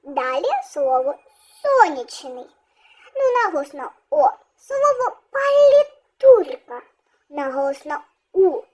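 A woman teacher leading a primary school reading lesson, speaking slowly and carefully as she explains words and reads aloud. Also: sits high, very animated. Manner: slow, careful teacherly delivery.

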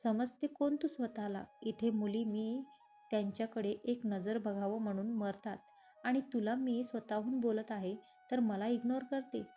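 A woman voicing a rich, arrogant young man who is quick to anger, with a commanding way of talking in a narrated romance story. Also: fairly high pitch, steady tone, faint music behind. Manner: commanding and forceful.

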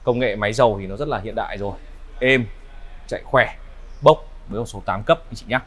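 A man in his thirties with a northern Vietnamese accent gives an unscripted used-car sales walkaround in smooth, polite, repetitive patter. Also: fairly low pitch, brisk, fairly bright tone. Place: large indoor car showroom. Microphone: clip-on lapel mic.

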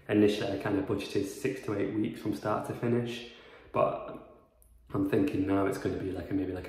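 A property renovation vlogger in his twenties speaks in a low, slightly mellow voice. He's filming a chatty, rambling house tour full of fillers inside an empty house under renovation, using a phone camera handheld and later propped up. Sound bounces around the bare rooms.

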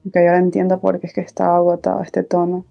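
A woman in her thirties talking softly and intimately, in a casual makeup-vlog chat. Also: monotone, fast talker, gravelly, lo-fi sound, soft background music. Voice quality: soft-spoken. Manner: soft, low-volume talking, intimate. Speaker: beauty vlogger, host. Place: small indoor room, filming setup.

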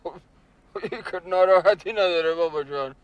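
In a sitcom, an actor plays a boastful male caretaker smitten with a young woman, doting on her in flowery words of love and calling others "baba jan." His high, clean voice is lightly acted, with no room sound and the highs cut off.

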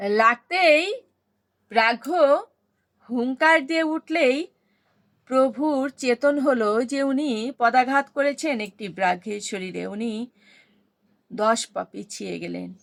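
A woman's voice: fairly high pitch, takes it slowly, vocal fry, long pauses, no echo. A woman telling a devotional story reverently, chanting the holy name between passages.

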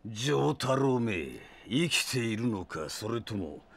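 A man voicing an arrogant, sadistic male vampire villain in an audio drama, with theatrical, menacing, drawn-out delivery. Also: mid-range voice, big pitch swings, gravelly, full character voice. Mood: cold, gloating. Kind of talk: Japanese anime-style audio drama acting.

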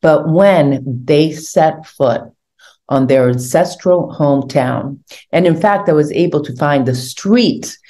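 Older lady from hungary on a webcam call, low warm voice, talks with her hands. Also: slow pace. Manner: animated storytelling, gesturing with hands. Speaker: guest, tour organizer. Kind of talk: video call interview. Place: home room indoors. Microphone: video call webcam.

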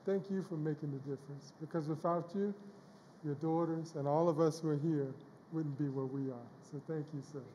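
A woman presents a certificate onstage, speaking warmly and off the cuff. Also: deep voice, steady tone, moderate pace, in a large hall, background noise. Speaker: event presenter giving an award. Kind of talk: award presentation.

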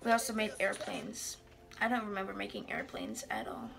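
A woman's voice: mid-range voice, very animated, normal speed, vocal fry, poor audio. A teenage young woman reading aloud casually and adding amused, self-deprecating asides. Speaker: vlogger. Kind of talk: casual reading aloud from old journal with commentary. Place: small bedroom, indoors.

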